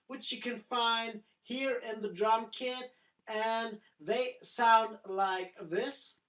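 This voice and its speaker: A woman giving a screen-recorded music software tutorial, in simple phrasing that doubles words like "very, very". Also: on the high side, echoey room, rough recording.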